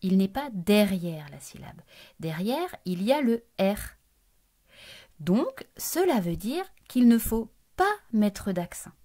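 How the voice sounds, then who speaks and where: A woman's voice: mid-range voice, big pitch swings, slow pace, dark tone. A woman teacher giving a recorded lesson to young children, patiently breaking words into syllables and speaking to the child directly. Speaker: primary school teacher.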